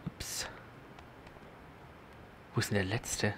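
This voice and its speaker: A man's voice: takes it slowly, in a whisper. Chatty young man narrating his gameplay. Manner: chatty self-talk with sudden loud exclamations. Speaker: let's play host. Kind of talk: casual gameplay commentary.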